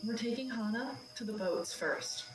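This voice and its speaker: A woman's voice: fairly high pitch, lively intonation, moderate pace, a crowd in the background, poor audio. A woman playing a tabletop game casually, with a wry, teasing manner. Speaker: player.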